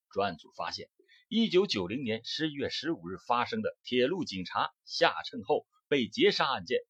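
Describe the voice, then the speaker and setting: A man reading a scripted true-crime account in a measured storytelling cadence that rises for emphasis. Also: mid-range voice, fairly bright tone, husky, no room sound. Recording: dull close-miked dry audio.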